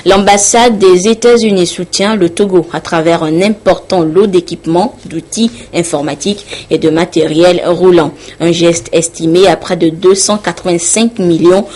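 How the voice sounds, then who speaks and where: A woman's voice: fairly low pitch, normal speed, hardly any pauses, darkish tone. A woman presenting the evening news in a formal, composed manner. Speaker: news anchor.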